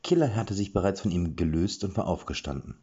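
Deep, husky male storyteller. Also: fairly quick, lo-fi sound. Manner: expressive, with slips and restarts. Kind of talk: reading a fantasy story aloud.

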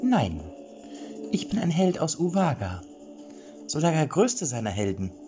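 A sneering, pompous bandit swaggers through his boasts in a shrill falsetto. The voice sits far above a deep reader's natural tone and lectures with mock grandeur. The recording sounds dull and lo-fi. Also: sing-song, measured pace, warm tone, faint music behind. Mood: boastful. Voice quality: high falsetto.

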